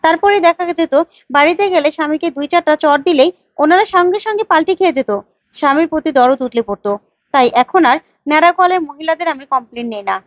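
A woman's voice: high voice, fast, dry recording, lo-fi sound, natural voice. Woman doing a stern lady police officer. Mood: dismissive. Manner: stern, lecturing, commanding.

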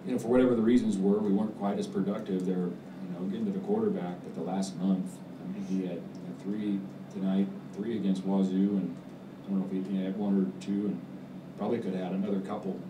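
Low-voiced man in his forties, football coach at a press table, measured halting answers, roomy distant sound, background noise. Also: steady tone. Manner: measured, halting, many fillers and restarts. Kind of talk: post-game press conference answers. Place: press room with backdrop, indoors. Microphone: table mic on stand.

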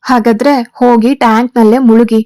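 A woman's voice: on the high side, level tone, moderate pace, darkish tone, no room sound, close to an everyday voice. A woman voicing an angry, tearful young wife who speaks reproachfully, in a spoken story.

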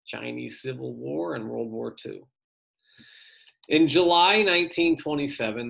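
Man with a gravelly voice reading aloud. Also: medium pitch. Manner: plain, steady read-aloud with brief casual asides. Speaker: teacher. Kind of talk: reading an article aloud for an online lesson.

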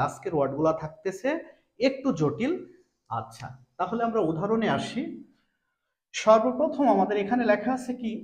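A young male teacher from Bangladesh walks through a language lesson with a high, very animated voice that rises and falls freely. He poses his own questions, answers them, and says each point again. The room gives the voice a noticeable echo. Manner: repeats each point twice, explaining by asking and answering.

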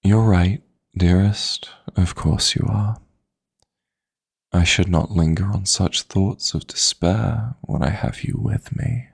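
Heavily acting the part of a seductive, possessive but tender dream demon lover, a man murmurs flirtatious endearments at a slow pace in a husky, breathy, gravelly low voice. The mood is tender and flirty in this intimate romantic sleep-aid audio roleplay. A close, dry studio-style microphone captures him with no room sound.

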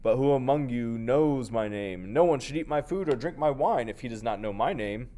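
A man booming as a pompous hippo. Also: lively intonation, dark tone, lightly acted. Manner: pompous, slow proclaiming. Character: boastful male hippopotamus host.

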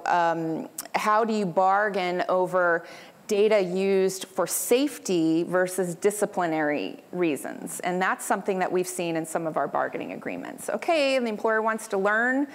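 A woman speaking as a union leader in a panel discussion at a conference, passionate and rallying, often tagging on rhetorical questions. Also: fairly low pitch. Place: conference event room.

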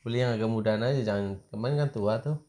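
A man's voice: lowish voice, fast, dark tone. A man filming a casual family vlog, teasing his crying daughter in a playful way and laughing often at home.

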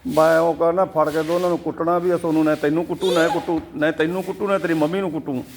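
A man's voice: a little high, level tone, fast, gravelly. Teasing older Punjabi man, faint noise. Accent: Indian Punjabi. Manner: teasing, repeats phrases to the child. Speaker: grandfather chatting with a small child. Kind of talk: casual home chat.

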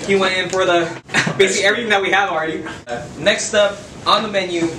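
A man's voice: high-pitched, steady tone, quick pace. A young man hosting a food challenge, chatting casually with the group. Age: young adult. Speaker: challenge host. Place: outdoor patio table, group before camera. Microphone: far camera. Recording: roomy, distant mic, noisy background.

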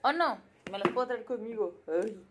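A young woman, sounding out syllables slowly and musing aloud during a casual live study session. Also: on the high side, lively intonation, background noise. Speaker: language learner streaming her study session.

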